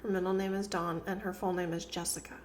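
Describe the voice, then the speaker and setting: Co-hosting a couple's channel podcast with her partner, a woman rambles into one of their new desk microphones with fillers and restarts. Her voice is on the low side, a little congested and nasal, with little pitch movement and a quick pace, plus slight background noise.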